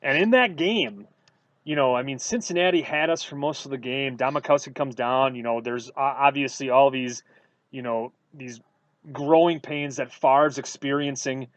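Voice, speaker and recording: A man from Wisconsin co-hosting a sports podcast, telling stories in a casual, animated way with lots of fillers. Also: medium pitch, normal speed, no echo. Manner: animated storytelling with many fillers. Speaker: podcast co-host.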